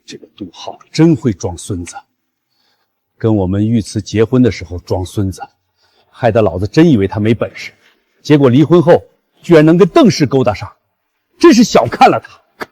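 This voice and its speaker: A man's voice: lowish voice, big pitch swings, normal speed, pauses often, darkish tone, slightly rough. An actor playing a scheming, sneering middle-aged father in a short drama. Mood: scornful. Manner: sneering, spiteful.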